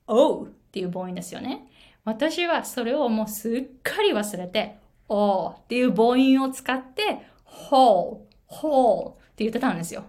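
Woman, pronunciation coach, lively pitch, somewhat high voice. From Japan. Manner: animated storyteller, switches between Japanese and English. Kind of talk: casual video lesson with a personal story.

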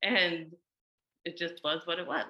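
A woman's voice: fairly low pitch, fairly even intonation, measured pace, lo-fi sound. A woman in her thirties, a mother, talking candidly through a personal reflection with many fillers.

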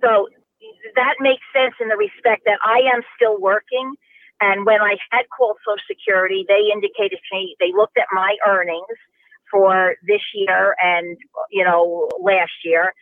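Over a tinny phone line with no echo, a caller in her sixties speaks at normal speed in a medium-pitched, fairly evenly intoned voice. She phones a talk show with a question, rambling and starting her questions over as she goes.

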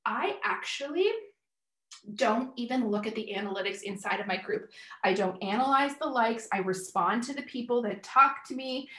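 A woman's voice: a little high, fairly bright tone. Chatty woman podcasting from an echoey bathroom. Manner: chatty, upbeat, talks straight to listeners. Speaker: podcast host and business coach. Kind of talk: casual solo podcast monologue. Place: home bathroom. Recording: echoey bathroom with faint music.

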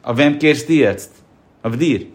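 A man's voice: medium pitch, measured pace. A man as a podcast guest giving insurance advice, emphatic and explaining through examples. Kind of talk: casual podcast conversation.

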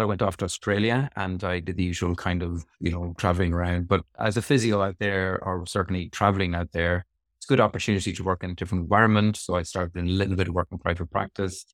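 A middle-aged man from the west of Ireland speaks with that region's accent in a low voice. He answers interview questions in a reflective, explanatory way. The sound is dry, with very little room in it. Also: dry recording. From Sligo, west of Ireland. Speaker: interview guest, physiotherapist.

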